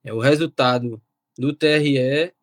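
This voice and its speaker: A young man, telling his story as a guest in a casual, animated way. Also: medium pitch, measured pace, no echo, studio quality. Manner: animated, quotes himself and relatives. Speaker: interview guest.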